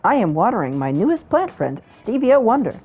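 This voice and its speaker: A woman voicing a polite robot student in a dating game, speaking in a flat, formal way. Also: a little high, fairly quick, slightly rough, lo-fi sound, soft background music, voice pushed up, full character voice.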